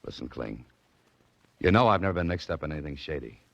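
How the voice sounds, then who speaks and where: A man's voice: very deep voice, lively intonation, quick pace, gravelly, no room sound, full character voice. An American man acting an earnest, hard-boiled adventurer in a 1940s radio drama. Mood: urgent pleading. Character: earnest hard-boiled male writer-adventurer wrongly accused. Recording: muffled old radio recording.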